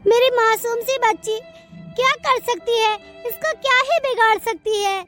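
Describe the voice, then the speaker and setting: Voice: very high-pitched, normal speed, loud music behind the voice. A performer voicing a doting mother who soothes her daughter and defends her against the grandmother in a cartoon story. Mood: defensive. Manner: soothing to her child, resentful to elders.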